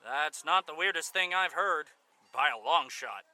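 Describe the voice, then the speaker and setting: A man's voice: fairly high pitch, expressive, unhurried, pushed and bright, full character voice. A man playing a bewildered, betrayed police detective in an audio drama, questioning insistently.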